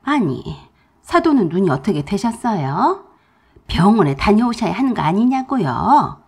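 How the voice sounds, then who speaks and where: A woman's voice: medium pitch, very animated, unhurried, darkish tone, slightly rough, full character voice. A woman voicing an older mother in a radio drama, who speaks politely but sharply and stands her ground. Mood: indignant. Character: older mother of the bride, firm and indignant.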